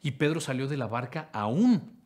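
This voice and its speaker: A man preaching a sermon in a husky, slightly breathy voice at an ordinary middle pitch. He addresses the listener directly with questions and moves from forceful lines to near-whispers. His delivery is dramatic and earnest. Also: sing-song, normal speed. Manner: dramatic, acts out quotes in swings from loud to hushed. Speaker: pastor.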